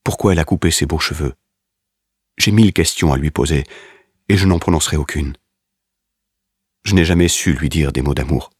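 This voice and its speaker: A man narrates a dramatic story in the first person, grave and measured. His voice is extremely low and husky, recorded dry and close. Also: no echo. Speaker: audiobook narrator.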